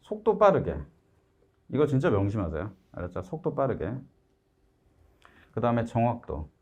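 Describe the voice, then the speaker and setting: A man's voice: mid-range voice, moderate pace, dull audio. A middle-aged man teaching a math class. He talks to the students directly and keeps checking that they follow him. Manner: lively, keeps asking "알았죠?" to check understanding; acts out students' complaints in a raised voice. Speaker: math instructor. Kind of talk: lecture to students.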